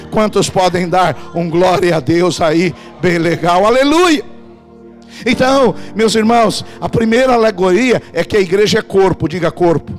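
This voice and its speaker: A man preaches with a strikingly high voice, pressing his congregation to answer back. Soft music sits faintly under his sermon in the church. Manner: emphatic, calls the congregation to respond. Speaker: pastor. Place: church in Portugal.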